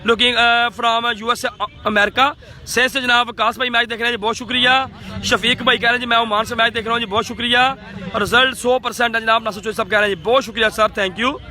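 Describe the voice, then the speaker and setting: A Pakistani man giving excited live cricket commentary outdoors, repeating phrases and dropping in English words. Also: very high voice, brisk.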